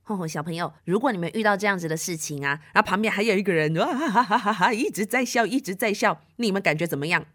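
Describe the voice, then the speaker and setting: A woman reading a picture book to children in an animated manner, often addressing them directly. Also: on the low side, fast talker, hardly any pauses. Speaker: storyteller.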